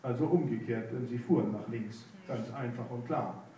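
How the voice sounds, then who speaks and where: A man reading a children's story aloud at sight, unhurried and playful. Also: medium pitch, mellow. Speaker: reader. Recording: echoey room, mic far off.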